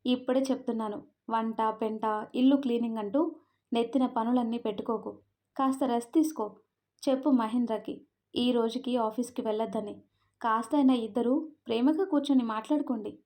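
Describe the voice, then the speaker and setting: A woman voicing a caring middle-aged mother-in-law who scolds gently and with affection. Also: a little high, steady tone, fairly quick, lightly acted. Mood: advising.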